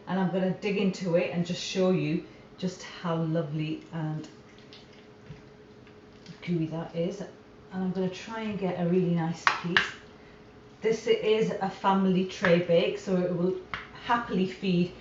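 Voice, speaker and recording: A woman's voice: fairly low pitch, a little mellow, a little hiss or hum. A woman hosting a cooking channel, chatting casually and encouragingly as she demonstrates a recipe in her home kitchen. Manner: chatty and encouraging, addresses viewers as guys. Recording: roomy, off-mic, slightly dull sound.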